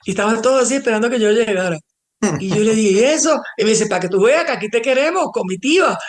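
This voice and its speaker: An older woman with a Puerto Rican accent, a former publicist, telling animated stories in an interview and slipping in English phrases. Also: medium pitch. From Puerto Rico. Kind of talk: storytelling interview.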